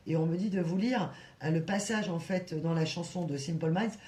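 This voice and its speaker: Chatty woman with a mellow voice. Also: on the low side, normal speed. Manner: animated, repetitive, with frequent fillers and restarts; breaks into soft sung song lines. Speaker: tarot reader. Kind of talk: casual channeled tarot reading.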